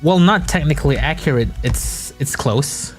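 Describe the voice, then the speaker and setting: A young Malaysian man whose first language is Malay chats loosely while working on a game-dev live stream, thinking aloud and restarting sentences. His voice is on the high side and animated, at a moderate pace, with soft music in the background.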